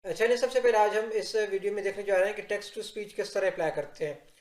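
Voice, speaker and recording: A man giving a software tutorial, explaining step by step and addressing viewers directly in an instructional narration. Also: sits high, fairly quick. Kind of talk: instructional screen-recording narration. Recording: roomy, echoing voice-over.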